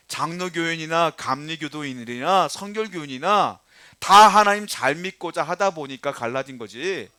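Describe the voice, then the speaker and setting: Bright-voiced middle-aged man preaching. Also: sits high, no room sound. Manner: conversational preaching, swings between quiet asides and loud emphatic repetition; acts out nagging parents and quoted voices. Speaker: pastor. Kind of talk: sermon.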